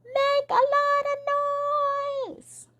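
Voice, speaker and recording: A woman narrator voicing a brave young village girl who shouts boldly in a high voice. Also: completely flat delivery, drawn-out words, highs cut off, soft background music, heavily acted. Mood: defiant.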